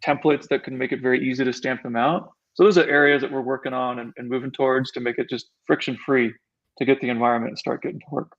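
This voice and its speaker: A man in his middle range of pitch, speaking as a guest on a casual tech show. He talks in an easygoing, enthusiastic way and laughs easily. His audio sounds a little dull and lo-fi. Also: fairly even intonation, fast talker, a bit bright.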